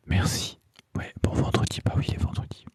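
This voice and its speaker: A man hosting a soft-spoken ASMR live stream, whispering close to the mic and greeting viewers by name. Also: moderate pace. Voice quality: deep low voice. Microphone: close sensitive microphone.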